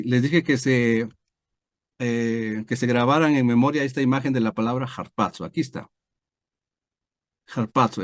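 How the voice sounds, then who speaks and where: A pastor teaching a Bible study over a video call, explaining step by step with many fillers and tag questions. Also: male voice, medium pitch, no echo, studio quality. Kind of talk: online screen-share Bible lesson.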